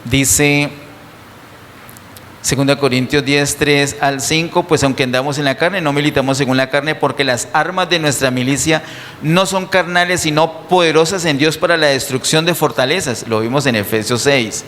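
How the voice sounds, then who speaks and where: A man preaches a sermon to his congregation in a church hall, emphatic and full of rhetorical questions. His voice is on the high side and fairly bright, at normal speed, with a little hiss or hum. The sound is distant, with long hall reverb.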